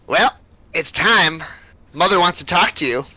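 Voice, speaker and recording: A woman's voice: fairly low pitch, expressive, unhurried, sharp tone, dry recording, heavily acted. A man voicing an erratic, grinning female hag who speaks with mock sweetness during a tabletop game. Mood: curt. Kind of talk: tabletop game role-play.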